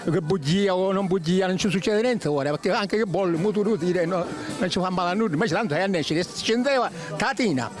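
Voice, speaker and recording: An older man with a Sicilian accent, explaining traditional work in casual dialect, halting and repeating himself. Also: high-pitched, faint music behind. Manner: halting, repetitive, colloquial explanations. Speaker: traditional winemaker recalling his work.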